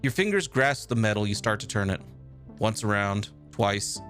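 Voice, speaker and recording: A male streamer reading a video game's text aloud with a steady storytelling delivery. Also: fairly low pitch, normal speed, soft background music.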